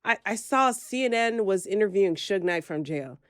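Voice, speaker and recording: A woman hosting a podcast, chatting casually in a slangy, animated way with quick asides. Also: medium pitch, no echo, studio quality. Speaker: podcast host. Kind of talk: casual gossip chat. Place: lives in New York.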